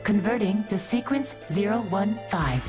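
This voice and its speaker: A woman's voice: medium pitch, a little slow, over music, lightly acted. A woman voicing a cold glitching robot unit. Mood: mechanical. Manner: flat machine-like status reports with error messages. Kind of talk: video game story cutscene.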